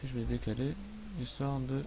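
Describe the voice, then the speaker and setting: A man hosting a casual software tutorial, thinking aloud as he works, with frequent hesitations and friendly, self-mocking asides. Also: medium pitch, level tone, moderate pace, slight background noise. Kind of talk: casual screen-recorded tutorial.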